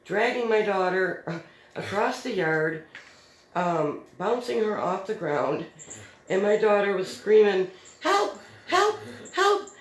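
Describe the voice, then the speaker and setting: A woman's voice: mid-range voice, lively intonation, takes it slowly. A middle-aged woman hosting a crafts video, telling a story in a chatty, easygoing way and laughing often. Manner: chatty, laughs easily, many fillers. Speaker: DIY crafts host. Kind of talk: casual storytelling while crafting. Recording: roomy echo with faint noise.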